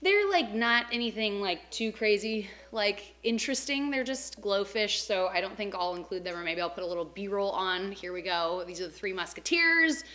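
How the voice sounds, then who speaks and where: A young woman talking about her pets in a casual home vlog, her voice bright and clear. She chats on easily, full of "um" and "like", and is a little out of breath. She sounds at ease and talks straight to her viewers. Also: medium pitch, moderate pace, few pauses. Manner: chatty, filler-heavy with frequent "um" and "like". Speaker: pet vlogger. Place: home animal room.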